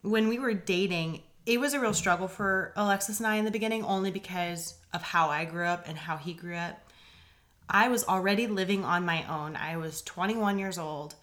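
A woman's voice: lowish voice, moderate pace, a bit bright. A woman in her twenties, a podcast guest, talking earnestly and reflectively about her relationship. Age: 20s. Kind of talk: casual interview chat.

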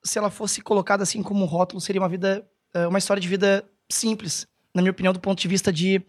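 A man's voice: high voice, level tone, racing. A man, chatting casually as a podcast guest in a rambling, hesitant, self-correcting way. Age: 30s. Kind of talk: casual chat.

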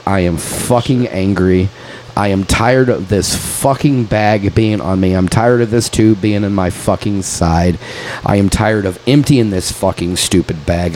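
A man in his late thirties talks on a casual podcast, his voice sitting low. He swears freely and drops dude into every sentence. A faint background hum runs under the recording. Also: measured pace, darkish tone, poor audio. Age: 30s. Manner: profane, calls everyone dude, venting frustration. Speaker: podcast co-host. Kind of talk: casual chat.

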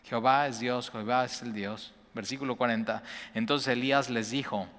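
A man's voice: mid-range voice, normal speed. Male pastor preaching in a reverberant hall. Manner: shifts from hushed prayerful quotes to loud excited exclamations. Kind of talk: sermon.

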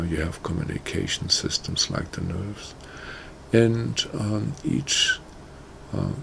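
A man introducing a guided meditation in a casual, halting way, full of "you know" and "uh". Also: low voice, gravelly, a bit bright, a little hiss or hum. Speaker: meditation teacher. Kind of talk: casual spoken talk.

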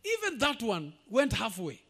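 A man preaching a sermon as pastor, emphatic and building to shouts, with asides in Swahili. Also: very high-pitched, huge pitch swings, moderate pace.

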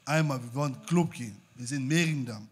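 A man's voice: mid-range voice, fast talker, breathy edge. A man co-hosting a podcast, telling stories in slangy, casual street talk and laughing as he goes. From Germany. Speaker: podcast co-host. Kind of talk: casual chat. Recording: live podcast with background noise.

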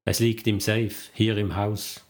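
A man's voice: on the low side, flat delivery, measured pace, lightly acted. Man voicing a desperate, pleading captive. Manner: pleading, choked. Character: desperate, terrified young man.

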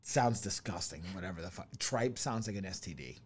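A man's voice: low-pitched, animated, a little fast, crowd noise. A man co-hosting a casual podcast, joking crudely, swearing a lot and laughing often. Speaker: podcast co-host.

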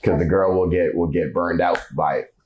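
A man co-hosting a podcast in casual chat, teasing and joking, jumping between high excited bursts and low mutters. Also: normal speed, muffled recording. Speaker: podcast co-host.

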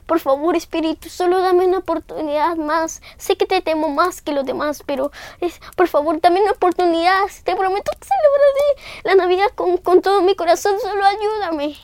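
A woman's voice: extremely high pitch, lively intonation, moderate pace, hardly any pauses, a little mellow, no room sound, pitched above the performer's own voice. A female storyteller playing an old miserly man who keeps pleading with a spirit. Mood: desperate pleading. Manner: pleading, repeating requests.

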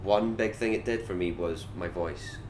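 In a noisy setting, a deep-voiced Scottish man talks at a moderate pace during an interview. He's a whisky brand ambassador, chatty and animated, peppering his speech with "like."

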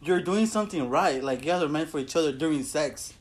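A man's voice: a little high, fast talker. A young man in a casual group chat, telling crude stories and laughing often as he talks.

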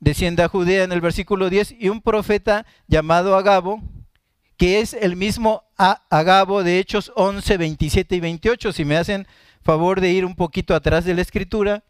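Male preacher, high and clear, unhurried live-streamed scripture teaching with self-corrections, dry close sound. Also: fairly even intonation, no echo. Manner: unhurried, reads scripture then explains, self-correcting asides.

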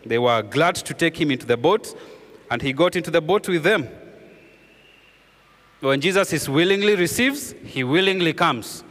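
A man preaching a sermon as pastor, earnestly repeating key phrases and dropping his voice low for emphasis. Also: a bit bright, in a large hall.

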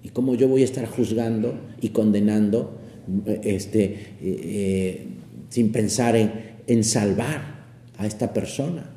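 A man giving a conversational homily on the Gospel, often pausing with fillers and tag questions. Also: lowish voice, warm tone, a little hiss or hum. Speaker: priest. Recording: echoey hall with long reverb.

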